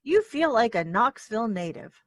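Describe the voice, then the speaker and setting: A talk show host, this woman speaks in a fairly high voice. She is effusive and animated, laughing easily. The sound is dry and close. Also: normal speed, no echo. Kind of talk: casual interview chat.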